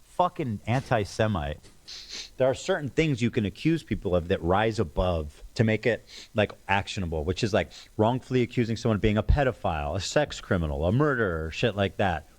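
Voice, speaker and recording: A man's voice: on the low side, animated, fairly quick. A man in his forties ranting casually as a podcast host, sarcastic and crude, with plenty of swearing. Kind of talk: casual talk show rant.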